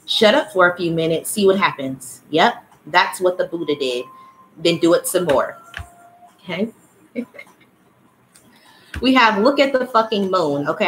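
Blunt, low-voiced woman reading oracle cards. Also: fairly bright tone, a little hiss or hum, rough recording. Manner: casual, blunt, swears freely; calls listeners child and y'all. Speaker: spiritual card reader. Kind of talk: livestream oracle card reading.

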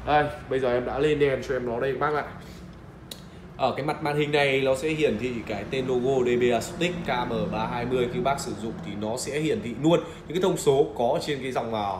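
A man with a Northern Vietnamese accent giving an insistent, repetitive hard-sell pitch as a shop seller showing off a product. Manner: insistent, repetitive, urging buyers. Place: indoor shop room with audio gear. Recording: roomy echo with faint background noise.

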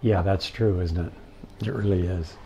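An older man telling stories from his life in an interview, halting often with fillers. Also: low voice, mellow, slight background noise. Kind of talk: casual storytelling.

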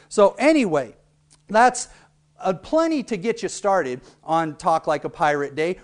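A man hosting a local cable TV segment, explaining things in a playful, joking way. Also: high-pitched. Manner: jokey, playfully exaggerated delivery. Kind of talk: humorous explainer monologue.

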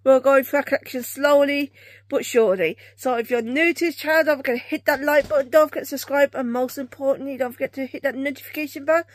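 A young British woman with a high voice chats to the camera while showing off a shelved room at home. She rambles and corrects herself as she goes, in a loose, friendly vlog style. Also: fairly even intonation, fast, no echo. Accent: British English. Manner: chatty, rambling, self-correcting. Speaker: channel co-host. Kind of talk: casual collection vlog.

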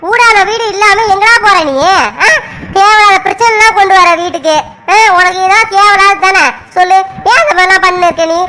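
A woman's voice: very high-pitched, fairly even intonation, a little fast, noisy background. A woman doing a scolding elder sister. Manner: scolding, lecturing. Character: stern bossy young village woman, older sister. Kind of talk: cartoon voice acting.

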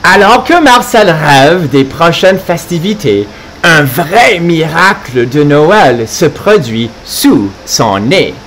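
A man reads a children's storybook aloud on a live stream, in a slightly higher, very animated voice. He takes his time and breaks off often to explain words to young learners. His delivery is playful and expressive. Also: takes it slowly, a little hiss or hum. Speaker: French teacher for children.

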